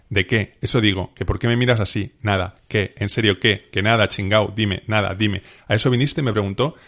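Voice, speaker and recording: A man with a Spain Spanish accent reads a novel passage aloud, voicing a furious young woman trading rapid insults with her brother. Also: on the low side, a bit bright. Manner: rapid, heated back-and-forth insults.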